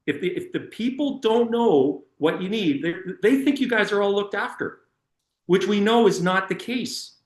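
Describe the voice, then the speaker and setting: A middle-aged man leads a workshop in an energetic, emphatic voice that sits a little high for a man. He repeats words and leans on fillers as he talks. The sound is roomy and echoey. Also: moderate pace. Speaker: workshop instructor. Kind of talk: public speaking workshop talk.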